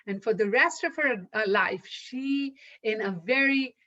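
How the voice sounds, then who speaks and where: A woman telling a folktale aloud in an unhurried way, with small restarts. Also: on the high side, bright, forceful tone. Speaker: storyteller. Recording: dull lo-fi recording.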